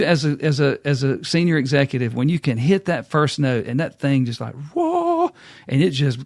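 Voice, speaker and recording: A man's voice: a little high, vocal fry, no room sound, studio quality. A middle-aged man, hosting a casual business talk and acting out quotes as a folksy storyteller. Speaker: podcast host.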